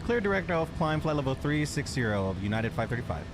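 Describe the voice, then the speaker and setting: A man with a voice of ordinary pitch speaks into a pilot's cockpit headset, reading back tower clearances in tight, clipped radio phrasing. His calls are crisp and businesslike. A steady wash of background noise sits under every word. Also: fast talker. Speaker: flight-sim streamer playing airline pilot.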